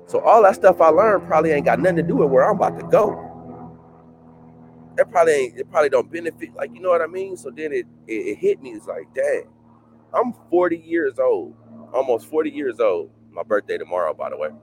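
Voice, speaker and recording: A man in his late thirties, a guest author talking casually in an interview, loose and repetitive, jumping into excited bursts. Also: fairly high pitch, fairly quick, a little hiss or hum. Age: 30s. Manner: loose, repetitive, rising to excited bursts when quoting himself.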